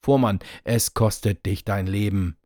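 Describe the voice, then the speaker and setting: A man voicing a small, cheeky male sparrow with a shrill, taunting delivery in a fairy tale reading. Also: big pitch swings, moderate pace, darkish tone, breathy edge, dry recording, clean studio sound, full character voice.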